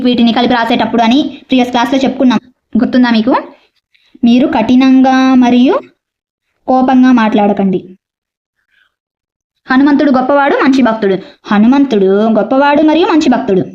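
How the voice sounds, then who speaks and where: A woman teacher, explaining a grammar lesson and slowly repeating examples. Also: sits high, steady tone, muffled recording. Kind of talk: exam-prep grammar lesson.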